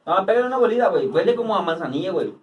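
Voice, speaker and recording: A man's voice: high-pitched, very animated, rapid-fire, highs cut off. A young Mexican man joking with crude slang during a casual beer-tasting chat. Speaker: co-host. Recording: voice a bit far from the mic.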